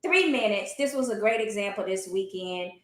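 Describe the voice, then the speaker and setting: A woman in an animated, casual sports discussion, speaking emphatically and colloquially with strong opinions. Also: medium pitch, moderate pace. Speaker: boxing talk show commentator. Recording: roomy, echoey sound.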